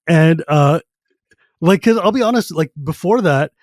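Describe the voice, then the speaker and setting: With a fairly high, animated but unhurried voice and a darkish tone, this Californian man in his thirties hosts his podcast from San Jose. His casual chat wanders, packed with fillers and easy laughter, in clean, echo-free studio audio.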